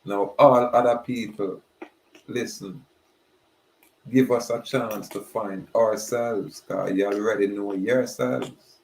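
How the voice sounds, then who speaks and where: A man giving a slow, emphatic preaching monologue. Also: lowish voice, fairly even intonation, vocal fry, darkish tone, slight background noise. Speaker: spiritual speaker. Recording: roomy echoey recording.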